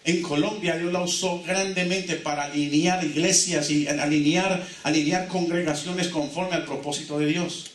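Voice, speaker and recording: A man's voice: a little high, steady tone, moderate pace, few pauses, slight background noise. A male pastor preaching with fervor and leading his congregation in call-and-response declarations. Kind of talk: sermon. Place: church hall. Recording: echoey church from a distant mic.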